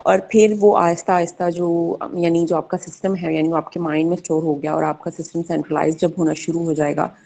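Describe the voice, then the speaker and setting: A young woman giving a class presentation, halting with many fillers as she mixes two languages. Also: lowish voice, level tone, gravelly, dark tone. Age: young adult. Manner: hesitant, many fillers, mixes Hindi-Urdu and English. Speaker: student presenter.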